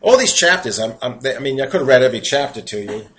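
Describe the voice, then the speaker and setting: Talking quickly and with animation at medium pitch, a New York-accented preacher reads scripture and interjects earnest, conversational asides between the verses. The audio quality is poor.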